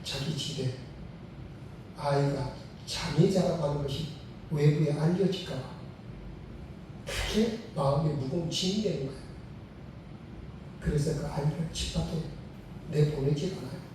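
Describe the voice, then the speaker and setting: A man's voice: fairly high pitch, a little slow, long pauses, noisy background. An older man, a retired senior pastor, preaching a sermon and telling a story with emphatic, repeated phrases. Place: church sanctuary. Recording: very echoey sanctuary, mic far off.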